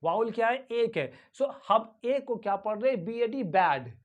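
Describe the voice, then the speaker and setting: A woman's voice: on the high side, expressive. A woman teaching English pronunciation with an Indian accent. She spells each word letter by letter and then repeats it carefully. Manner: spells words letter by letter, then repeats them slowly and clearly. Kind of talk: pronunciation lesson, mixing Hindi and English.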